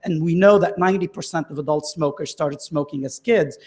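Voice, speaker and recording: A man's voice: fairly high pitch, a little fast, a little mellow. Man, hesitant. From Lebanon. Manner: hesitant, frequent ums and uhs. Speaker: conference speaker. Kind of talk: conference closing talk.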